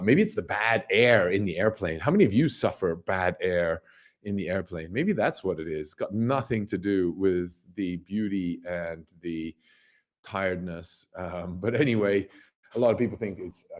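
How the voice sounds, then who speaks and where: A low-voiced, slightly hoarse livestream host who founded a company talks through the markets at a normal speed. His casual commentary is rambling and emphatic, full of repeated phrases and rhetorical questions.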